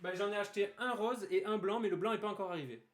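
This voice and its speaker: A man co-hosting a live stream, chatting and explaining in a relaxed way, often laughing as he talks. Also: high voice, fast. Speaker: streamer co-host. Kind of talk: casual live stream chat. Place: bedroom studio. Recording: roomy bedroom echo.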